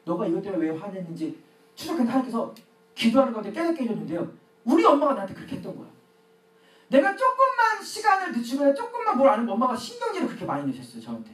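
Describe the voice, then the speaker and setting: A man's voice: very high-pitched, fairly bright tone. A middle-aged man preaching a sermon as pastor, acting out his own prayers and quarrels. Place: church sanctuary. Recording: echoey church hall, mic at a distance.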